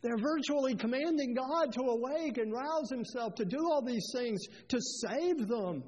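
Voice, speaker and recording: High-voiced man preaching a sermon. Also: lively intonation, a little slow, darkish tone, breathy edge, highs cut off. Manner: earnest preaching, rises to fervent scripture quotes. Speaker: pastor.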